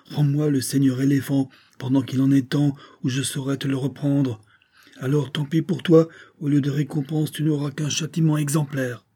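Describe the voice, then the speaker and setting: A man's voice: medium pitch, level tone, moderate pace, warm tone, husky, voice pushed up, close to an everyday voice. A man voicing a greedy, scheming male monk who gives orders and threatens. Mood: threatening. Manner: commanding, threatening.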